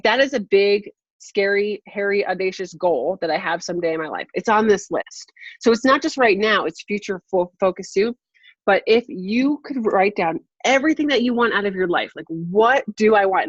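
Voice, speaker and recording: A woman with a medium-pitched voice leads a group coaching call over video as a life coach, sounding upbeat, encouraging and motivational. The call audio is slightly muffled and lo-fi, with no echo.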